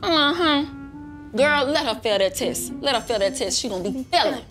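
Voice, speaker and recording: Woman acting a sassy, high-pitched scolding mom. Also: animated, moderate pace, music in the background. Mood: sassy, boastful. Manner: exclamatory, repeats phrases for emphasis. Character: sassy, scolding, theatrical mother who won't be outsmarted. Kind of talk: comedy skit acting. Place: living room of a house.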